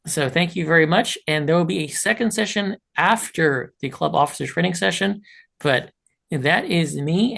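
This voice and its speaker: A man's voice: a little high, gravelly, fairly bright tone. A man who is losing his voice, giving an encouraging online training presentation as a leadership trainer over a video call. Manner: encouraging, practical advice with asides.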